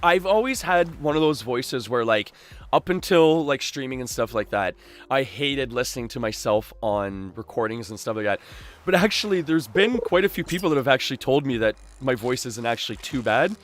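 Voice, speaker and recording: Boisterous, chatty man livestreaming, lively pitch. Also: normal speed. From Canada. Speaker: live game streamer and host. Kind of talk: casual livestream chat with viewers. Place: small backyard shed used as a streaming room.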